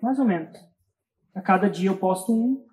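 Conversational woman host with a mid-range voice who retells stories quickly. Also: mid-range voice, expressive, a little mellow, rough recording. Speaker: podcast host. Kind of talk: podcast interview.

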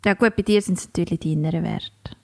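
A woman's voice: lowish voice, steady tone, fast, vocal fry, darkish tone. A woman with a Swiss German accent co-hosting a podcast, chatting casually in a frank, teasing way. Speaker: podcast co-host. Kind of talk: casual chat.

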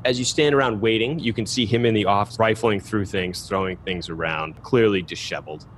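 A man's voice: fairly low pitch, brisk, slight background noise. A man narrating a tabletop game as game master in an easygoing, descriptive way. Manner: easygoing, descriptive, with light laughs.

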